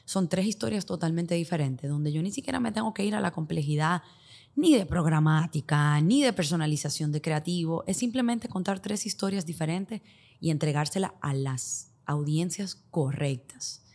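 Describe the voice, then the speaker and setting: As an expert podcast guest, a Dominican-accented woman explains ideas using hypothetical examples, speaking Spanglish that mixes English business terms into her Spanish. Her voice is on the low side, expressive and darkish, at normal speed.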